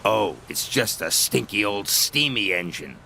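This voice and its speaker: A man's voice: lowish voice, lively intonation, vocal fry, bright, forceful tone, slight background noise, heavily acted. A man doing a sneering boastful diesel engine. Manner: rude and mocking, slow drawl. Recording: music playing behind.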